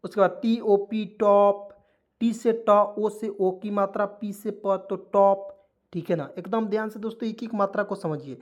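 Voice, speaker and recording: A man's voice: sits high, a little slow, a little mellow, muffled recording. A man teaching English pronunciation in a video lesson, spelling words out letter by letter, asking questions and answering them himself, and calling his viewers friends. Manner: calls viewers friends, tags lines with okay. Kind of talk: spoken tutorial lesson.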